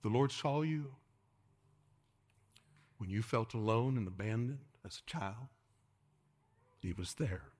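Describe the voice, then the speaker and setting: A man preaching a sermon to a congregation in a church, dropping to hushed whispers and rising to urgent calls, and leading the room in call-and-response. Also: medium pitch, breathy edge. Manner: swings from hushed whispers to raised exhortation, calls the congregation to repeat. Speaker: pastor.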